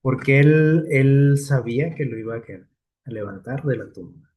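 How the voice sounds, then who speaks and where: A man's voice: medium pitch, measured pace, a little mellow, slightly rough. A man preaching a casual, conversational sermon, full of fillers and tag questions to his listeners.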